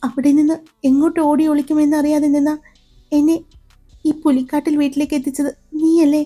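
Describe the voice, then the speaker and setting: A woman voicing a gentle young wife in a storybook, speaking in a halting, emotional way. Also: sits high, soft background music. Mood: tearful.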